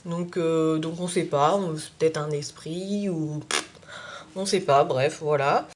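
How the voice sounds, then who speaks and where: A woman's voice: low voice, steady tone, takes it slowly, slight background noise. Hesitant young woman chatting casually. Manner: hesitant, full of "euh" fillers; phrases trailing off quietly. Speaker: YouTube vlogger. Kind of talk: casual chat.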